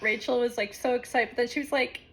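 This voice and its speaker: A young woman co-hosting a podcast, telling stories in a giggly, animated casual chat. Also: on the high side, fast talker. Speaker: podcast co-host.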